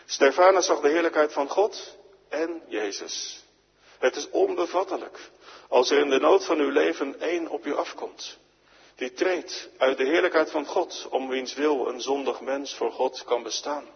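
A man's voice: a little high, measured pace, creaky, husky. A man preaching a sermon in a church, pleading and rising to emphatic climaxes, acting out dialogues between sinner and Jesus. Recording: lo-fi church radio broadcast with long reverb.

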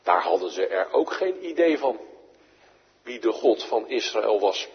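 A man's voice: on the low side, big pitch swings, a little slow, slightly rough. A man preaching a sermon, with dramatic swells and drops in his voice and scripture quotes delivered with rising force. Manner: dramatic rises and falls, quoting scripture with raised voice. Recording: echoey church hall, dull lo-fi radio broadcast.

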